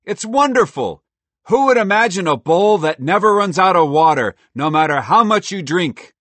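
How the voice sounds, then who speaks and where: A man voicing a chatty, bold little male squirrel in a storybook, talking loudly and excitedly. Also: a little high, moderate pace, dry recording, pitched above the performer's own voice. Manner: loud, excitable and boastful. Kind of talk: storybook voice acting.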